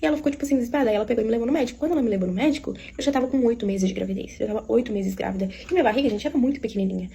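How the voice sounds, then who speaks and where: Fast-talking woman with a Minas Gerais accent. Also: fairly high pitch, gravelly, dark tone, slightly rough. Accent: Minas Gerais Portuguese. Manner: confiding, keeps addressing listeners directly. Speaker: storyteller. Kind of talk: casual personal storytelling.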